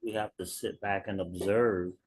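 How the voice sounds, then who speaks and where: Low-voiced reflective man sharing on a call. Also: steady tone, a little mellow, breathy edge, no room sound. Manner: slow, reflective, repeats key words. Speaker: workshop participant.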